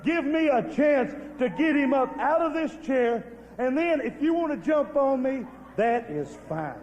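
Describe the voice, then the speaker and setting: A man, a wrestling champion cutting a promo who pleads and then shouts out challenges. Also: very high voice, animated, unhurried, big-room sound, highs cut off, slight background noise.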